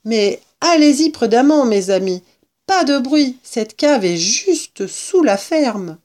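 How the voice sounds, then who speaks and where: A woman's voice: fairly high pitch, expressive, slow pace, darkish tone, voice pushed up. A woman doing a sly, confident father fox. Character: clever, confident adult male fox, a father.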